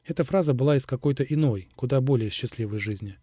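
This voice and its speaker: A man narrating an audiobook in a steady, even reading. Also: medium pitch, quick pace, breathy edge, no room sound, studio quality. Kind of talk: scripted narration.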